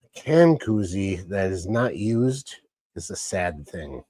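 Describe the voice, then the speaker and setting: A man's voice: deep voice, very animated, slow, dark tone, husky, dry recording. A man casually hosting a live stream, rambling along and greeting chat viewers by name. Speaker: livestream host.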